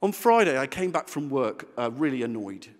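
Man, preaching, animated, conversational, swooping pitch, reverberant church. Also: normal speed. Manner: animated, conversational, self-deprecating humor. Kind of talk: sermon.

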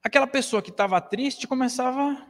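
A Brazilian man in his forties delivers an earnest spiritist lecture, gesturing widely at a lectern. His voice sits high for a man. The stand mic picks him up in a small hall with a long, ringing reverb. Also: brisk, a bit bright. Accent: Brazilian Portuguese. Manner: earnest, preaching with wide gestures.

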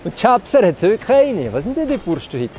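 A man's voice: sits high, sing-song, normal speed, mellow, slight background noise. Blunt teasing Swiss German man in his 60s. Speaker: restaurant tester host. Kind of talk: casual on-camera chat. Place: outdoors in a mountain village, then hotel rooms.

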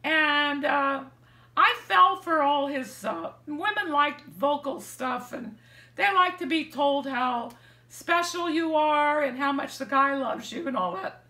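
A woman's voice: high voice, slow pace. An older woman telling a story casually to the camera in her living room, acting out the lines she quotes. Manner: animated, acts out quoted lines with hand gestures. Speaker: vlogger sharing dating advice. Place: living room, seated in armchair indoors. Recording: echoey room.

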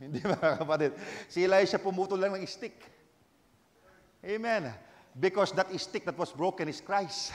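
A male pastor preaching a sermon in Tagalog and English, swinging between shouted exhortation and hushed storytelling, with frequent amens. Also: high voice, measured pace, in a large hall. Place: church.

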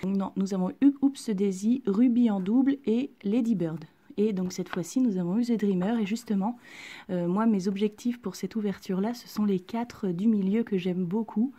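A woman chatting through a casual unboxing at home, gushing with excitement and often dropping to a soft whisper. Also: medium pitch, moderate pace. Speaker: vlogger unboxing collectible figurines.

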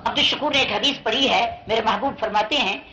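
Man, high-pitched, bright piercing voice, rhyming sermon cadence, dull lo-fi old tape. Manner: rhythmic rhyming cadence, calling the crowd to respond; rises into impassioned shouts. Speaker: Islamic preacher. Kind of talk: rhyming fiery sermon to a crowd. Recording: dull lo-fi 1982 tape of a live gathering.

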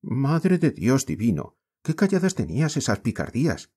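A man with a Spain accent voicing a meek, sorrowful orphan girl in an audiobook, speaking softly and consolingly. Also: mid-range voice, sing-song, moderate pace, slightly rough, pitched above the performer's own voice. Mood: tender, pleading. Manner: soft, gentle and consoling. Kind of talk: audiobook character reading.

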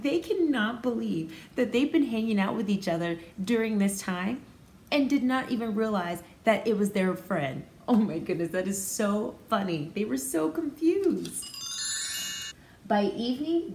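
Reading aloud to young children, an American woman who teaches pre-kindergarten explains the story expressively in simple language, her medium-pitched voice a little mellow. The recording, made indoors in a small room with hard walls, has a roomy echo and faint background noise.

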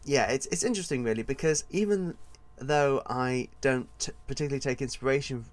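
A man's voice: medium pitch, a little fast. A man hosting his own podcast as an author, talking in a casual, rambling and digressive solo monologue.

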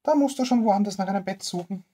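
Greedy old woman, stingy and grumbling, shrill and very high, slightly husky, a bedtime storybook role, as the reader puts her on. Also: fast, dark tone, natural voice.

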